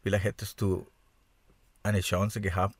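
A man with a foreign accent in German, chatting haltingly on a podcast in a congested, nasal voice, as if with a broken nose. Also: low voice, level tone, no echo. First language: not German. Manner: halting, searching for words. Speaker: podcast co-host. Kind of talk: casual podcast chat. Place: small camper van used as studio.

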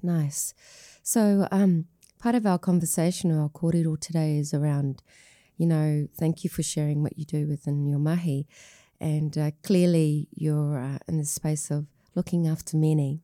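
A woman hosting an interview, speaking gently and softly, with a falling tone. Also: low-pitched, fairly even intonation, moderate pace, dry recording, studio quality. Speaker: host.

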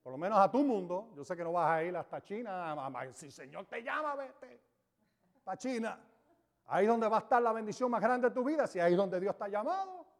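High-voiced guy preaching slow and emphatic, quizzing the congregation, big echoey sanctuary. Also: very animated. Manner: emphatic, stretches key words and quizzes the congregation. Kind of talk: sermon. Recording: long reverb of a large hall.

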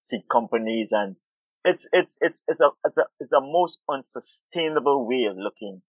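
As a guest on an interview about farming, this middle-aged man from Guyana, an urban farmer and food activist, thinks aloud and repeats words while finding them. His medium-pitched voice has lively intonation, a breathy edge and normal speed. The phone-like line is tinny, with no room sound.

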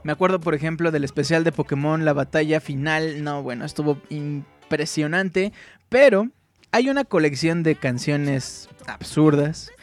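A man's voice: a little high, normal speed. A man hosting a music show in a casual, jokey way, using slang and laughing often. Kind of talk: casual radio show chat.

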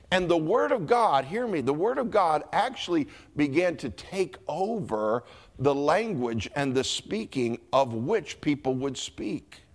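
A male pastor with a Southern US accent preaching a sermon emphatically, stretching key words and repeating himself. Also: a little high.

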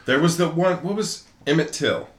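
A man's voice: a little high, moderate pace, slight background noise. A man co-hosting a podcast in casual chat, rambling and profane, often losing his train of thought. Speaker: podcast co-host. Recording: roomy echo.

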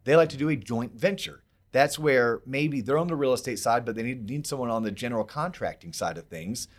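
A man's voice: medium pitch, a little fast. A man hosting a podcast, explaining things in a casual, emphatic way and checking in with rhetorical questions. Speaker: podcast host.

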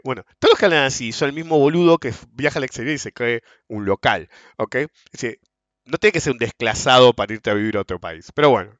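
A man's voice: mid-range voice, a bit bright, dry recording, dull audio. A middle-aged Argentine man hosting a podcast, talking in a rambling, slangy monologue and laughing often. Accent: Argentine Spanish. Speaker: podcast host. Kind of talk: casual monologue.

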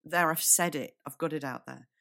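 A British woman with a croaky, breaking voice, hosting a solo business podcast in a candid, conversational way and speaking straight to the listener. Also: deep voice, moderate pace, a bit bright. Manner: candid, addresses listener directly. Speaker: podcast host.

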